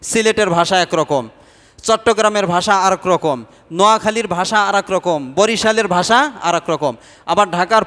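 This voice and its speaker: A man with a high voice preaches a sermon, and the sound rings with the long reverb of a large hall. He keeps putting questions to his listeners and then answering them himself. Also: a bit bright. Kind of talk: Islamic sermon.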